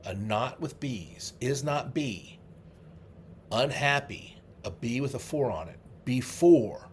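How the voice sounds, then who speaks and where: A middle-aged man, a memory trainer, leading a guided memory exercise, coaching the listener through vivid images with slow, drawn-out repetition. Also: mid-range voice, animated, slight background noise. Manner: slow, drawn-out repetition with sudden loud "ta-da" bursts; vivid, coaxing visualization instructions.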